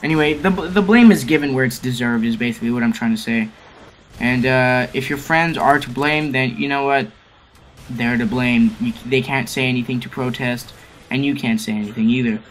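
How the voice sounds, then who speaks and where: Over gameplay footage, a teen boy who makes gaming commentary videos rants at his audience, preachy and rambling, tripping over words and fixing them as he goes. He speaks at a medium pitch and moderate pace, with slight background noise.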